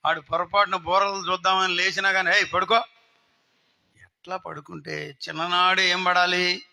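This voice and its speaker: A man's voice: sits high, little pitch movement, moderate pace, creaky, bright, forceful tone. A man preaching a sermon, putting questions to the congregation and acting out scenes. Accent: Telugu. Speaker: pastor. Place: outdoor gathering.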